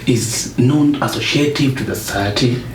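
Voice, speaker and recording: A man's voice: medium pitch, normal speed. Emphatic man in an echoey room. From Uganda. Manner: earnest, emphatic, builds lists of points. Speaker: guest. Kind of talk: motivational discussion. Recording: echoey room, distant mic, faint noise.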